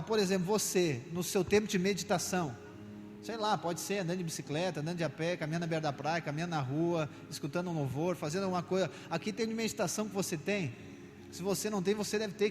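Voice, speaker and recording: High-voiced preacher in reverberant hall. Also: male voice. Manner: conversational, asks the congregation many questions; rises to loud, slow proclamations. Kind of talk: sermon. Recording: long hall reverb with faint music.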